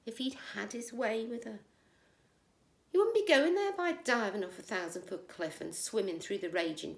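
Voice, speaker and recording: A woman plays a jaded middle-aged housewife in a comic stage monologue, wry and gossipy, confiding in the audience and tossing in rhetorical tag questions. Her voice is a little high with vocal fry, recorded in an echoey room.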